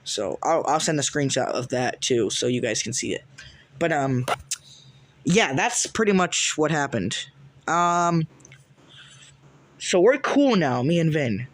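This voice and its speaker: A man's voice: fairly high pitch, expressive, measured pace, pauses often. A man telling a rambling storytime vlog, full of restarts and fillers. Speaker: vlogger. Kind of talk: casual storytime recap.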